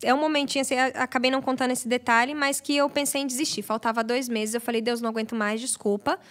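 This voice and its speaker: A young woman, a podcast guest, telling a personal faith testimony in an animated, storytelling way. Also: fairly high pitch, quick pace. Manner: animated storyteller, acts out quoted prayers. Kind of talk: casual testimony chat.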